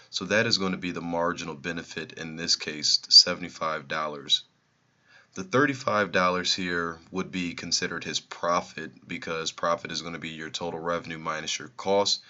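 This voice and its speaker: A man's voice: deep voice, pushed and bright, dull audio. A man who is losing his voice, explaining exam problems in a recorded review lesson and repeating the key numbers.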